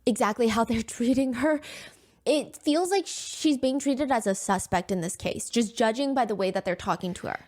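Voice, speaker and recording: A woman's voice: on the high side, moderate pace, a little mellow. A woman hosting a true crime show, narrating in a conversational way with asides and light humor. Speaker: true crime podcast host. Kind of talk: storytelling narration.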